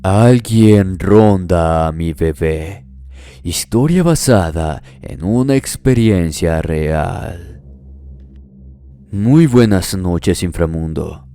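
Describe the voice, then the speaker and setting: A man reading a horror story aloud as a scripted narration, in a slow, measured storytelling manner. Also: deep voice, expressive, dark tone. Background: faint music.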